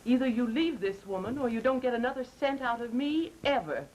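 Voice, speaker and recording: A woman's voice: fairly high pitch, lively intonation, a little fast, darkish tone, natural voice. An actress playing a domineering, haughty, wealthy mother in a vintage film drama, with an imperious manner. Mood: indignant, imperious. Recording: noisy old film soundtrack.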